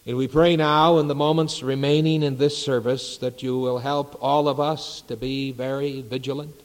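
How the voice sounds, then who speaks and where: A male pastor preaching and praying in a church sanctuary, measured and unhurried, with reverent pauses. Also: medium pitch, little pitch movement. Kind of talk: sermon. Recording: long reverb of a large sanctuary.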